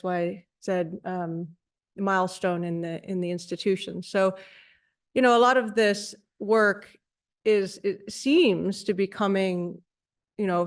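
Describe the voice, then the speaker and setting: A woman with a somewhat low voice answers on a panel. She talks in a steady, considered way, building her points step by step. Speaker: panelist, field researcher.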